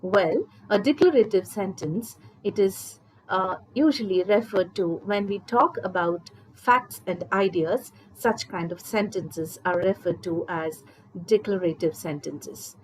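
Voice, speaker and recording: A woman's voice: mid-range voice, a little hiss or hum, poor audio. A woman teacher, explaining a grammar lesson to her students patiently and step by step. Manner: slow, patient explaining, addresses students directly. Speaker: English teacher. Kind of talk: recorded school lesson.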